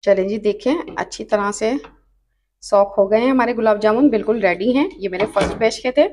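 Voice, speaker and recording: A woman with a Pakistani Urdu accent hosting a cooking channel, calmly explaining each step of a recipe and repeating her tips. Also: mid-range voice, normal speed, a little hiss or hum. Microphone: off-camera voice over hands-only cooking shots.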